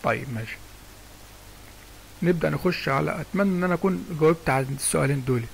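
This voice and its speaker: A man's voice: fairly high pitch, rapid-fire, gravelly, slight background noise, poor audio. A man with an Egyptian Arabic accent giving a casual, chatty lesson on Quran recitation and often asking whether the listener follows him. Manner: chatty, digressive, often asks "understand me?". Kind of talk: casual spoken lesson with sung recitation examples.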